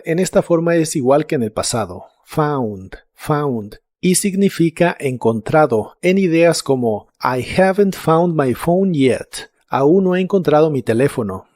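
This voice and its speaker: Calm man teaching an English lesson. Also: a little high, no echo, clean studio sound. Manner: slow, even explanation with repeated example words. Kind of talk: scripted language lesson.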